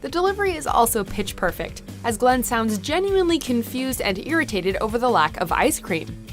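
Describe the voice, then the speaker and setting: A woman's voice: a little high, very animated, moderate pace, soft background music. A woman reading scripted narration for a countdown video as its narrator.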